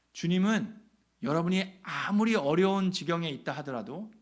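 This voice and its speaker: A man with a high voice preaches a revival sermon in a church. He tells the story dramatically, firing rhetorical questions at the congregation. His volume swings from loud and urgent down to a near hush. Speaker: pastor. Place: church sanctuary.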